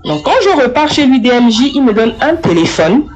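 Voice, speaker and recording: A young woman giving a first-person spoken testimony, telling her story in a lively way and speaking straight to the listener. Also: a little high, fairly quick, soft background music, rough recording.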